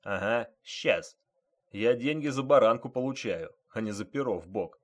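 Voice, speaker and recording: Male narrator as blunt police driver, loud, complaining, animated pitch. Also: moderate pace, close to an everyday voice. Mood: grumbling.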